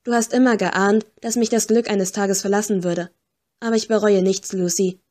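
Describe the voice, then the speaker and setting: Woman voicing a gentle, sad young ghost. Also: mid-range voice, moderate pace, lightly acted. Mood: sad calm. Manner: quiet, calm and clear. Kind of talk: audiobook character voice.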